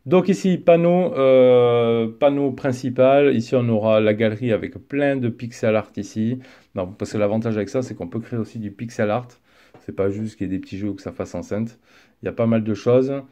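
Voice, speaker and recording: A man talks through a gadget unboxing at his desk, easygoing and chatty, with frequent fillers as he goes. His voice sits at a middle pitch with a mellow, unforced tone. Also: moderate pace, lo-fi sound. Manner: relaxed, chatty, many fillers. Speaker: tech reviewer. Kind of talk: product unboxing review. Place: indoor desk setup.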